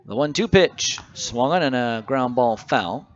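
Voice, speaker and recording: A man announcing a baseball game play-by-play, reading stats and scores between pitches in a conversational way. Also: expressive, unhurried, lo-fi sound. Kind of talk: radio baseball commentary.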